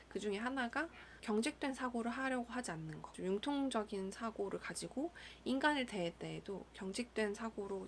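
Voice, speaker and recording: Young woman counselor, mid-pitched, musing gently aloud with a few whispered asides. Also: a little hiss or hum. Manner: calm, thoughtful, measured, with soft whispered asides. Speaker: school counselor. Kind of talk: reflective solo monologue.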